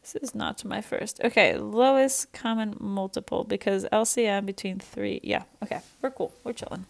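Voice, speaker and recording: A woman's voice: medium pitch, fairly even intonation, moderate pace, gravelly. A young woman teaching an online math lesson, chatty and self-deprecating as she thinks aloud.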